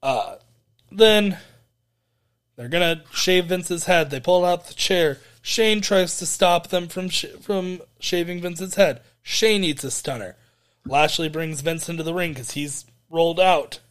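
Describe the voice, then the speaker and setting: Podcast co-host, male, slightly higher voice, rambly and laughing, casual recap. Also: measured pace, fairly bright tone, clear, resonant tone. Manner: rambling, hesitant, laughs often. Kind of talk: casual chat recapping a wrestling event.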